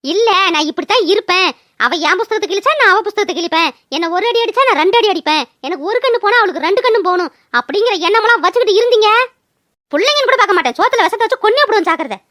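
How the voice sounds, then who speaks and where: A woman's voice: extremely high pitch, animated, very fast, bright, forceful tone, no echo, clean studio sound, exaggerated voice. A woman voicing a stern village mother who lectures and scolds her children, in a cartoon. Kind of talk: cartoon voice acting.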